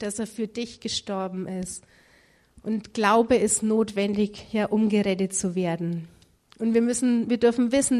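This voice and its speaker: A woman giving a devotional Bible teaching in a calm, earnest, measured way, pausing now and then with small fillers. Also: medium pitch.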